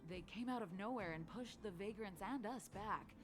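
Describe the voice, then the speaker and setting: A woman's voice: mid-range voice, normal speed, lightly acted. A woman voicing an injured female miner in a video game, earnest and a little stammering. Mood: worried. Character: injured female miner, shaken but steady. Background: game music.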